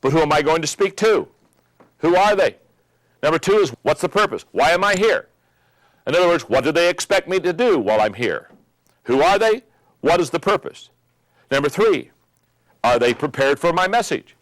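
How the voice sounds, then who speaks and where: An older man giving a motivational leadership lesson, emphatic and repeating key phrases, slowing down for effect. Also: on the high side, lively intonation, no echo. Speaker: leadership teacher. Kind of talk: motivational teaching talk.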